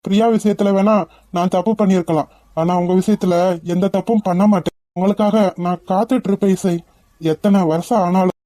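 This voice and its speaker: A woman's voice: medium pitch, fairly even intonation, brisk, mellow, no room sound, close to an everyday voice. A woman voicing a devoted young man in love in a cartoon, speaking in an earnest, pleading way. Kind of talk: cartoon voice acting.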